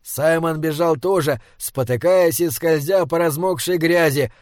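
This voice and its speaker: A man narrating an audiobook in a steady storytelling manner. His voice sits slightly high for a man. The recording is dry and close. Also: a little slow, no room sound. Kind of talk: scripted narration.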